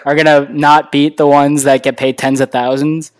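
A man's voice: fairly high pitch, flat delivery, moderate pace, clean tone. A man co-hosting a casual sports podcast, rambling and sarcastic. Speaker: podcast co-host.

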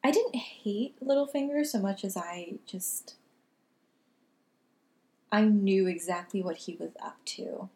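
A woman's voice: mid-range voice, slow, pauses often, darkish tone. A woman co-hosting a casual chat, easygoing and agreeable, often backing her partner up. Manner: easygoing, agreeable, frequent short affirmations. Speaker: podcast co-host.

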